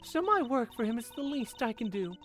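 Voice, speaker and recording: Woman doing a prim old hollywood-accent lady, way up high and kinda distant sounding. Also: big pitch swings, fairly quick, fairly bright tone, faint music behind. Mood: genteel. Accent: old-time Hollywood. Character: demure, devoted young woman housekeeper.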